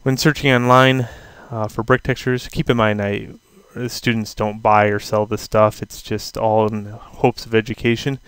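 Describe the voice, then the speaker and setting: Clear-voiced male instructor, dry sound. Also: lowish voice, level tone, normal speed, hardly any pauses, fairly bright tone, no room sound. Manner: casual, thinking aloud with fillers. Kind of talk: screen-recorded software tutorial. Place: at a computer, voice-over of screen.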